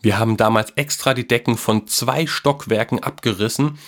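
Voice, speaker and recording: A man's voice: mid-range voice, normal speed, lightly acted. A man voicing a kindly, playful old man who teases and encourages a boy. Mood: storytelling. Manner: warm, teasing and encouraging.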